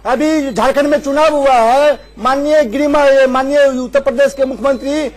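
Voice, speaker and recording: A man's voice: extremely high pitch, fairly even intonation, moderate pace. A man arguing as a journalist on a heated television debate panel, mocking and repeating his jabs.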